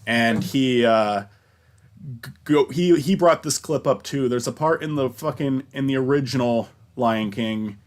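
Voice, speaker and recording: A young man hosting a casual chat stream, talking in a rambling, halting way with frequent restarts and casual swearing. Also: medium pitch. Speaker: stream host.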